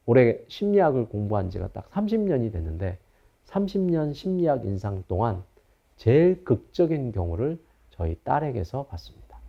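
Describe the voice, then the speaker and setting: A man's voice: mid-range voice, lo-fi sound. A man in his fifties, a psychology professor, giving a recorded lecture and telling anecdotes in a storytelling manner.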